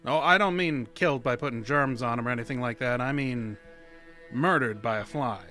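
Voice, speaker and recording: A man's voice: medium pitch, normal speed, sharp tone, soft background music, lightly acted. An actor playing Buck, a folksy small-town young man who narrates a creepy tale in old-time radio drama style. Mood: narrating.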